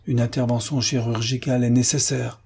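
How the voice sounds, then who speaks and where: A man reading an audiobook, voicing an old scheming male villain who sneers and gives hushed commands. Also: mid-range voice, flat delivery, fairly quick, vocal fry, slightly rough. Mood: urgent. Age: older.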